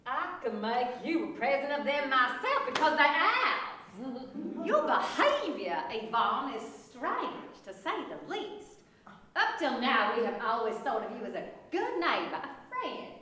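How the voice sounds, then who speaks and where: A woman's voice: high voice, sing-song, a little slow, pushed and bright, exaggerated voice. A woman playing a haughty, quarrelsome young landowner's daughter in a comic stage play, scolding with indignant emphasis. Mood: offended. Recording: echoey stage performance recorded from far off.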